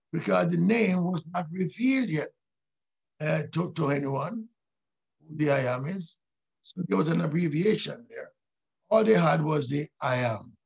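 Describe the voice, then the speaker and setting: A man teaching a Bible class sermon, quoting scripture slowly and with emphasis. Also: on the high side, gravelly, husky, rough recording. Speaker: preacher.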